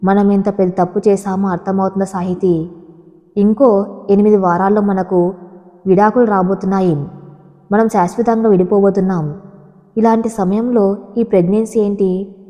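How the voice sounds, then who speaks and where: A woman's voice: medium pitch, fairly even intonation, moderate pace, long pauses, warm tone, muffled recording, close to an everyday voice. A woman reading the lines of a cold, dismissive young husband who speaks curtly and harshly, in a storybook. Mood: angry. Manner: curt and harsh. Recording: long hall reverb.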